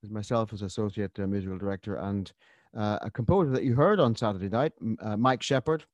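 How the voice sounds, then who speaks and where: A man's voice: on the low side, quick pace, a little mellow, no echo, muffled recording. A man from Ireland, a choir's musical director, chatting as a guest on a radio interview with many restarts.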